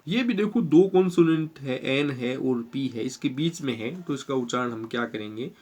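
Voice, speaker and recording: A man with an Indian accent teaching a spelling rule in a slow classroom explanation, repeating words and spelling them out letter by letter. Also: medium pitch, lively intonation, a little mellow.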